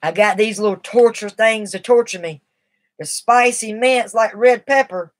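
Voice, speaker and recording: Her pitch fairly high and her speed normal, a middle-aged woman goes on earnestly in casual live stream talk. Nicotine withdrawal leaves her shaky, and her manner is rambling and confiding.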